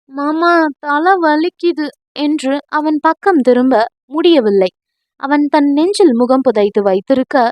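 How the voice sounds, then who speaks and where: A woman narrates a romance audio novel in a steady, even storytelling read. Her voice is high, and the close microphone gives a dry, dead sound with no room behind it. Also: dry recording.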